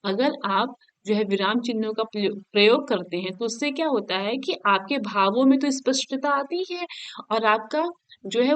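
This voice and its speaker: A woman teaching a Hindi grammar lesson for exam prep. She reads each definition slowly, then explains it again in everyday words, often checking "okay?". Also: a little high, clean tone, dry recording. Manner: explains each point twice, keeps asking "ठीक है?".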